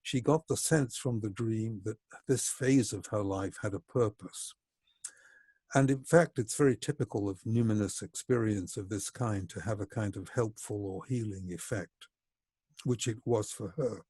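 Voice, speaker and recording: A man with a low voice gives a reflective lecture in a measured, explanatory way. His tone is husky and mellow. The sound is dry and close. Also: dry recording. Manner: measured and explanatory, slowing for emphasis.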